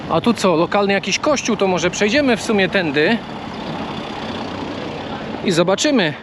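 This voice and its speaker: A man's voice: sits high, expressive, normal speed, background noise. A young man casually vlogging a pilgrimage walk, chatting and joking with viewers as he wanders outdoors and through a small church. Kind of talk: casual vlog talk to camera.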